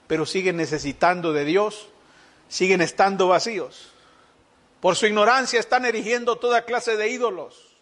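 Guy preaching a sermon, really high voice, punchy and emphatic, acts out little quotes. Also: a bit bright. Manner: emphatic preaching, voices imagined speakers, rhetorical questions. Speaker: pastor.

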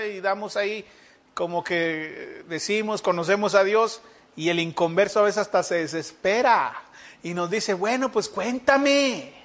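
A man delivering an emphatic sermon in a strikingly high voice. He drives points home with rhetorical questions and briefly acts out the voices of neighbors and church members. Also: fairly bright tone. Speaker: pastor.

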